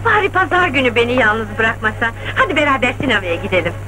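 A woman's voice: fairly high pitch, sing-song, fast. An actress playing a lonely, pleading young woman in a 1970s film drama. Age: young adult. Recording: noisy humming old film soundtrack.

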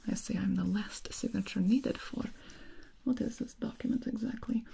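Woman playing a creaky, whispering devoted assistant. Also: fairly high pitch, warm tone, poor audio. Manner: deferential, measured, precise. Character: devoted, formal, protective servant-like assistant. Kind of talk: whispered role-play.

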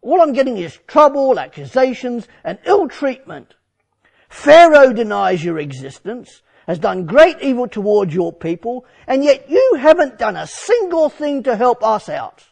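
A preacher speaking as aged Moses, gravelly and lively. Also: male voice, sits high, exaggerated voice. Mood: pleading. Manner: earnest, storytelling, rising to pleading. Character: aged male Moses telling his story. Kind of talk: first-person dramatic monologue sermon.

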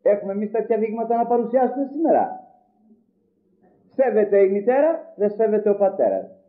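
An older preacher from Greece delivers a sermon, voicing the people in his stories and firing rhetorical questions at his listeners. His voice sits high and swings widely in pitch. It comes through a thin, phone-like old tape recording. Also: very animated. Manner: storytelling, acting out quoted dialogue, rhetorical questions. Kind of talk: sermon with told anecdotes.

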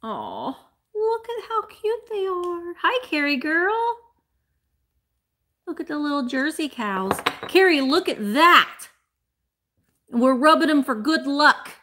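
A woman, chatting bubbly and fast to live viewers from a small room at home. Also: sits high, lively intonation, sharp tone, slight background noise. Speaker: vintage reseller host. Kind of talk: casual live-stream chat.

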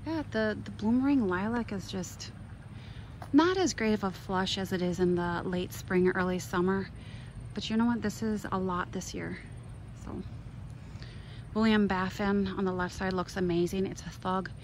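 Outdoors in her garden, a Minnesota gardening vlogger speaks at a medium pitch and moderate pace, giving an offhand, casual tour peppered with exclamatory asides. The handheld recording is noisy, and outdoor ambience comes through clearly.

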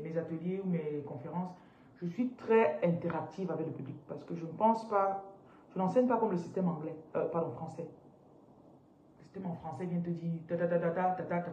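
A woman in her thirties, a spiritual business coach, teaching on a live stream in an animated, interactive way and reading out viewers' comments from a chair indoors. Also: lowish voice, highs cut off. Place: indoors, seated on a large ornate chair. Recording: roomy echo, somewhat distant from mic, faint noise.

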